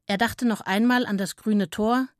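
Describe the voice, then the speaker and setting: Storybook narrator, woman, gentle and clear, dry studio voice. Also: mid-range voice, fairly even intonation, moderate pace, no echo. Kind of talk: children's storybook reading.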